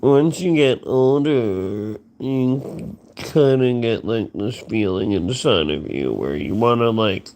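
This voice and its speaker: A drowsy young man drifts through a late-night ramble, cursing casually and losing his train of thought. He talks slowly, his voice sitting at an ordinary mid pitch and sagging with sleepiness. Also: lively intonation, darkish tone. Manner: drowsy, crude and meandering, yawning. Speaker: streamer.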